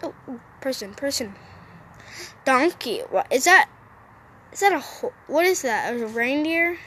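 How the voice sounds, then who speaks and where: Woman, high voice, slow easygoing delivery; playful gameplay vlogger talking to her audience outdoors. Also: animated, a bit bright. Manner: chatty and playful, talking to viewers while playing. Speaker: mobile game vlogger. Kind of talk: casual gameplay commentary. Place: sitting on a roof outdoors. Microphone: phone.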